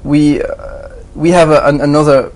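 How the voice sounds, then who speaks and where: His pitch is fairly high and his tone darkish, with fairly even intonation at a moderate pace. The speaker, a Swiss graphic designer being interviewed, answers in a halting, conversational way, full of fillers and restarts.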